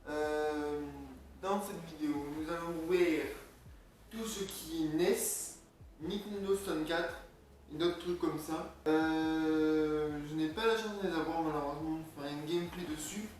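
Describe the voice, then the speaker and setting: A man's voice: on the high side, fairly even intonation, unhurried, a little mellow. A young man casually vlogging, rambling and joking while reading from his notes. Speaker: video creator. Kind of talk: casual vlog talk. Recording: echoey room, far from mic, faint noise.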